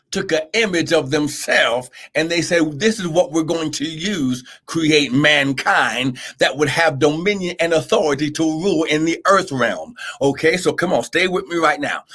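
A man's voice: a little high, a bit bright. A man preaching an impassioned live-streamed Bible sermon, exhorting emphatically with repeated phrases and drawing out scripture for weight.

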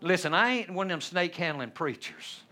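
A middle-aged man preaching a sermon in a church, folksy and humorous, swinging between loud bursts and hushed asides. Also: high-pitched, lively intonation, normal speed, noisy background. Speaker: pastor. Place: church sanctuary.

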